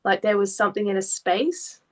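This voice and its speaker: A woman art therapist with a mid-pitched voice, talking gently through a client's artwork. She asks careful questions and explains what the marks might mean in a calm, conversational way. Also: brisk, rough recording.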